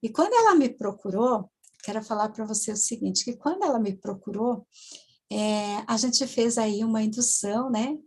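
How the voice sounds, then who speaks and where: A woman, a hypnotherapist telling a client's story in a halting way, full of tag questions and restarts. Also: on the high side, lively intonation, a little mellow, slightly rough. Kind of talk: storytelling lecture to students.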